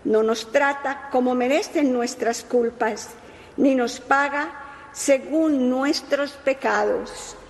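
A woman recites a psalm at Mass in a high voice. Her delivery is slow and solemn. Long cathedral echo trails each phrase. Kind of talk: solemn responsorial psalm reading. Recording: church hall with long reverb.

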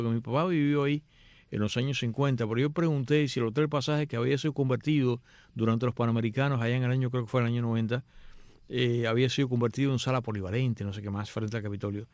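A man hosting a radio show, reading listener emails aloud in lively, playful voices. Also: medium pitch, fast talker, no room sound. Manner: animated, reads emails in playful put-on voices. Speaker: radio host. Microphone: headphones and studio mic.

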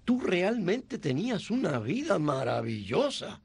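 An actor playing a gentle elderly male guardian angel in a dubbed classic film, slow and soft-spoken. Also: high-pitched, sing-song, creaky, slightly rough, dry recording, heavily acted. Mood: sorrowful.

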